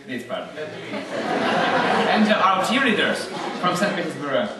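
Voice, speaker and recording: A man's voice: fairly high pitch, very animated, a little slow, far from the mic, heavy background noise. A man introducing his team, joking and hesitating with many fillers. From Russia. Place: large hall at opening ceremony. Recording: echoey hall, crowd behind.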